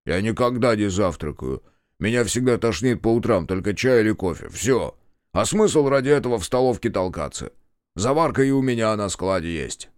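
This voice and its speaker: A man voicing a panicked, frightened male storekeeper who yells in a shrill, near-hysterical voice, in a storybook reading. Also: animated, normal speed, no echo, clean studio sound, natural voice. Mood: shaken.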